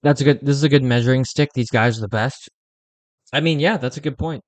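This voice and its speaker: Brief: young male fan host, chatty play-by-play, close dry sound, mid pitch. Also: quick pace, no echo. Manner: conversational, reacts excitedly to plays, uses fillers like "like". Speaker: host of a fan watch-along stream. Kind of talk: casual live play-by-play and chat.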